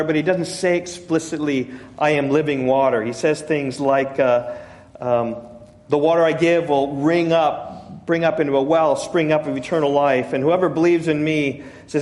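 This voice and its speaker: Pastor guy preaching, kinda high voice, lots of restarts, echoey church hall. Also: a little mellow. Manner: conversational preaching with frequent restarts, rising emphasis when quoting. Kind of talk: sermon.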